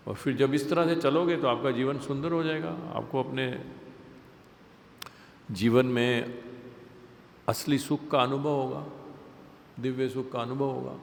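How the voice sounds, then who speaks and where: A man's voice: mid-range voice, steady tone, a little slow, creaky, pauses often, slight background noise. A man leading a devotional scripture class, explaining points with everyday examples and repeating them for emphasis. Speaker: temple class speaker. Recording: echoey hall with faint ambience.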